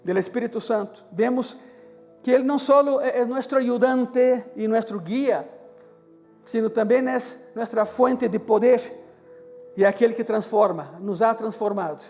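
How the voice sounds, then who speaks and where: Pastor, animated storyteller in a sermon, echoing church hall with soft music. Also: male voice, extremely high pitch, measured pace. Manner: animated, acts out dialogue in the story. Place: church service.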